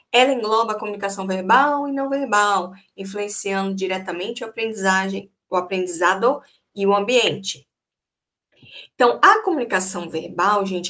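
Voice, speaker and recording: A woman's voice: mid-range voice, fairly bright tone. Woman, middle-aged, teacher, online lecture, conversational, checks in with students, computer microphone. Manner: conversational, often addresses students as "gente" and checks with "né?" and "tá?".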